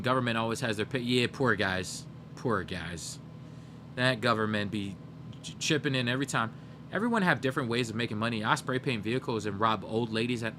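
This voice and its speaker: A young male livestreamer with a medium-pitched voice chats casually with his live viewers, rambling loosely and brainstorming joke ideas out loud as he talks to chat. A steady hum sits under the recording.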